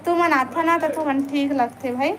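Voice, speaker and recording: A woman's voice: sits high, normal speed, very noisy. A woman with a Chhattisgarhi accent chatting casually on a live stream, coaxing viewers to stay and like the stream. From Chhattisgarh, India.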